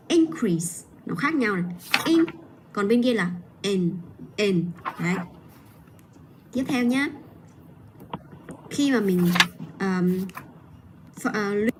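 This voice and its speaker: A woman teaching pronunciation on a livestream, patiently modeling and repeating each word slowly. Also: medium pitch, background noise. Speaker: English teacher.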